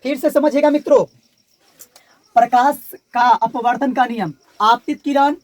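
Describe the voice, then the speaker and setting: A man's voice: very high-pitched, steady tone, measured pace, dry recording. A male teacher with a Bihari Hindi accent giving a classroom physics lecture, repeating key terms and asking the class to call them back.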